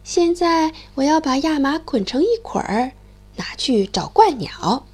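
A woman voicing an eager, excited little male mole who pleads and calls out for help. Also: high voice, measured pace. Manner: pleading, chirpy, cries out loudly.

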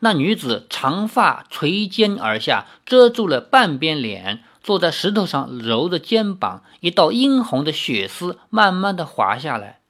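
Expressive man reading a novel aloud. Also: fairly high pitch, a little slow, few pauses. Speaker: storyteller.

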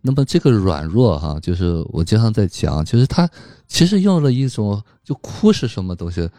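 A man's voice: lowish voice, big pitch swings, moderate pace, mellow, no room sound, clean studio sound. A man, a psychological counselor, explaining patiently as a guest in a casual film discussion, with frequent fillers.

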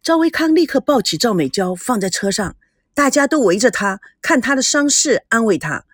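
Woman narrator for a dramatic audiobook, lively, expressive, fairly high voice. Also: moderate pace, breathy edge, no echo, studio quality.

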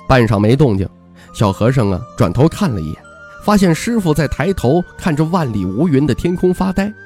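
A man's voice: mid-range voice, dark tone. A man narrating a story as an audiobook reader, telling it expressively.

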